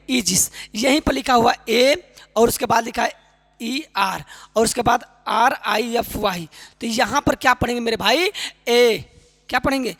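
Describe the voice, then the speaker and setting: A woman's voice: fairly high pitch, a bit bright. A woman teaching a spoken English class, explaining pronunciation rules and quizzing her listeners again and again with friendly encouragement. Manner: keeps quizzing listeners with repeated questions; affectionate, encouraging teacher talk. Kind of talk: online class lecture. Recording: long hall reverb.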